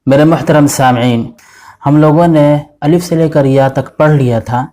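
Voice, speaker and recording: A man's voice: on the high side, dark tone. A man teaching the Urdu alphabet to children, patiently explaining step by step and drilling each letter four times.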